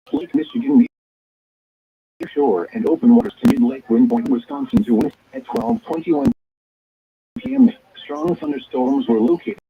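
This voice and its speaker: This is a creaky, high-pitched male voice, synthetic and stilted, delivering scripted weather alerts in a formal announcer style. The phrasing is choppy, and the signal sounds tinny and narrow-band, like a weather radio broadcast.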